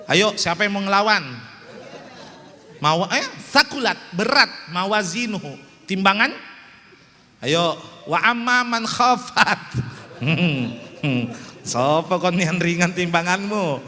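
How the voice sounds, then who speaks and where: A man's voice: high-pitched, animated, slow, pauses often, pushed and bright. A man preaching a humorous sermon in a small prayer hall, joking and teasing his audience.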